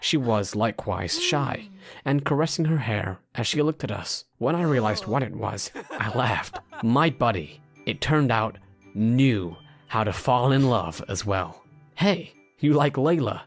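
A man's voice: mid-range voice, expressive, measured pace, soft background music. A man narrating a scripted first-person story like a storytime vlogger, speaking directly to listeners.

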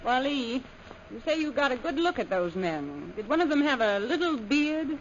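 A sly, sardonic villainess in a vintage radio serial. Her voice is very high and lively in its swings, wry and knowing, on a dull old recording. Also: normal speed, a little hiss or hum. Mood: shrewd.

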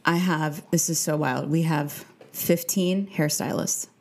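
A woman co-hosting a podcast, chatting casually and telling animated, joking stories. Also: low-pitched, unhurried. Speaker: podcast co-host. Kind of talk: casual chat.

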